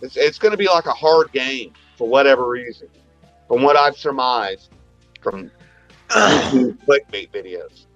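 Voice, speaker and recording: A man's voice: medium pitch, expressive, unhurried, a bit bright, no echo, dull audio, soft background music. A man co-hosting a podcast, telling a long story in crude casual chat, rambling, trailing off and restarting. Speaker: podcast co-host.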